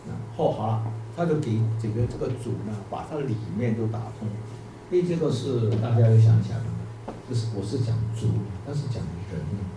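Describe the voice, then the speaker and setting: A man's voice: lowish voice, animated, fairly quick. A man preaching, telling a parable and putting questions to his listeners. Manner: storytelling, asks the listeners questions. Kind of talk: sermon with a parable. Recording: echoey room, distant mic, faint music.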